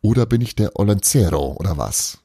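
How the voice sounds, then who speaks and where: A man's voice: on the low side, lively intonation, fairly quick, mellow, husky, no echo, studio quality. A man reading aloud while voicing a bossy, cheeky young girl in a children's story. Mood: scolding.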